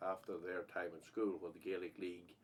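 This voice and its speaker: A man conducting an informal oral history interview, feeling his way haltingly through his questions. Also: sits low, flat delivery, slight background noise.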